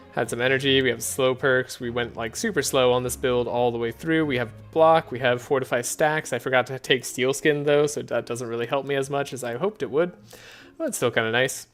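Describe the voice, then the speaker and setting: A man streaming a card game, talking in a soft, relaxed, sleepy way with frequent chuckles. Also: mid-range voice. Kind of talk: relaxed gameplay commentary.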